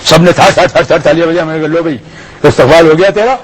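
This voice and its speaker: An actor playing a swaggering, middle-aged senior customs officer who tells a comic anecdote in character, acting out both sides of the quarrel. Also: male voice, a little high, slight background noise, close to an everyday voice, rough recording. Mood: boastful mocking.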